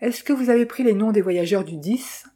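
A woman's voice: medium pitch, fairly quick, mellow, breathy edge, close to an everyday voice. A woman voicing a curt, self-satisfied Italian male investigator in a storybook reading.

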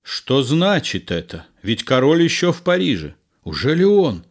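A man reading aloud and voicing an imperious noble officer in a loud, commanding manner. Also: mid-range voice, big pitch swings, moderate pace, pitched above the performer's own voice.

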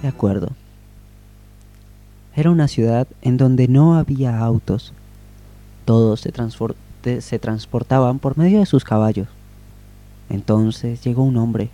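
A man improvising and telling a children's story on a radio show, in a gentle, unhurried way. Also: medium pitch.

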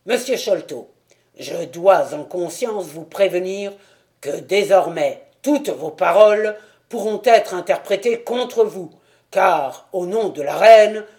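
A man's voice: sits high, darkish tone, full character voice. Man reading as a pompous, self-important police detective.

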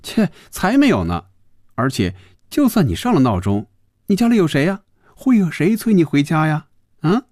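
A male storyteller voicing a young saleswoman who is touchy and earnest and gets shrill and quick when upset. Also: wildly swooping pitch, mellow, slightly rough, dry recording, clean studio sound, full character voice. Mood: indignant.

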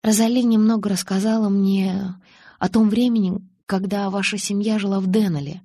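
A woman's voice: mid-range voice, steady tone, normal speed, mellow, no room sound, studio quality, pitched above the performer's own voice, lightly acted. A woman voicing an earnest, curious teenage girl with a lifted, questioning tone in an audiobook. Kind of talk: audiobook character reading.

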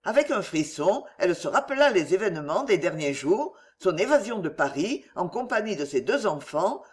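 A man narrating a classic novel as an audiobook, expressive and lively. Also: sits high, normal speed.

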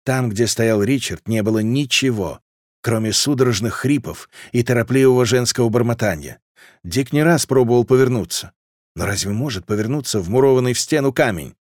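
A man's voice: mid-range voice, a little fast, darkish tone, dry recording, clean studio sound. Man reading a fantasy audiobook. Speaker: audiobook narrator. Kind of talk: scripted fantasy audiobook narration.

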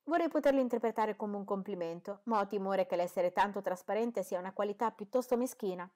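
An amiable, easygoing young gentleman, as a woman narrator reads him out, friendly and eager in his replies. He is given a light, cheerful lift in an audiobook reading. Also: mid-range voice, brisk, voice pushed up, close to an everyday voice.

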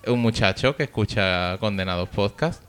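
A man's voice: on the low side, moderate pace, fairly bright tone, clean tone. A man with a Spain accent co-hosting a podcast, chatting casually and jokily and reading out listener mail. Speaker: podcast co-host.

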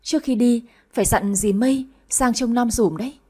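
A woman voicing a humble, middle-aged country mother in an audio story, speaking gently and hesitantly in a husky voice. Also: fairly high pitch, moderate pace. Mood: weary.

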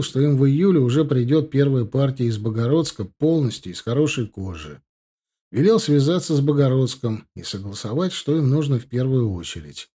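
A man's voice: mid-range voice, warm tone. A man narrating an audiobook in the first person, reflective and conversational.

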